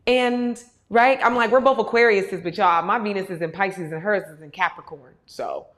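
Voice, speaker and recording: A woman in her thirties, a host answering audience questions in a candid, animated way and swearing often. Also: medium pitch, normal speed. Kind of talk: casual talk to an audience.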